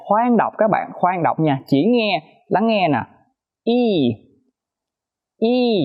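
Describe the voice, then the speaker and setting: A man teaching a pronunciation lesson, repeating sounds slowly and emphatically to demonstrate them. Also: on the high side, muffled recording.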